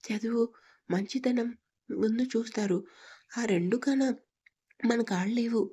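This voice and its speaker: A woman's voice: fairly high pitch, a little slow, mellow, husky. Woman reading a careful young sidekick. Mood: coaxing. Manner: coaxing, careful. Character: cautious young male sidekick friend.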